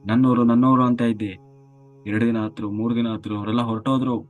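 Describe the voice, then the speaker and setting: A man's voice: mid-range voice, flat delivery, a little fast, dry recording, close to an everyday voice. A man voicing the stern male messengers of the death god, who coax a dead soul to come along with them. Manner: firm, coaxing, repeats "come, let's go".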